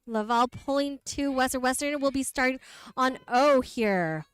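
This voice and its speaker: Light wind noise accompanies this sports commentator doing bilingual English and French play-by-play outdoors at a windy field. Her voice sits high, clear and resonant, unhurried, with no room sound.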